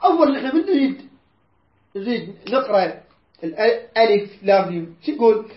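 Teaching a Quran class in an Iraqi Arabic accent, a woman patiently repeats words and tests her students with questions. Her slightly high voice is sing-song and a little fast, captured in a roomy, dull lo-fi recording.

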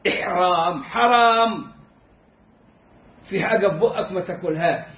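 A man's voice: sits high, moderate pace, reverberant, highs cut off. A man with an Egyptian Arabic accent teaching a religious lesson, joking and stretching out words to show how they are pronounced. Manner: humorous, demonstrative, drawing out words to teach pronunciation. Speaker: Islamic jurisprudence teacher.

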